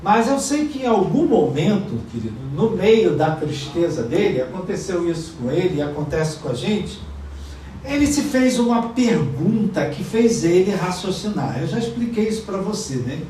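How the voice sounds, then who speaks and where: A Brazilian man preaching a sermon as pastor, shifting from quiet asides to loud acted-out quotes. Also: sits high, big pitch swings, normal speed, distant mic, slight background noise. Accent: Brazilian Portuguese. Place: church sanctuary. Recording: echoey church room miked from afar.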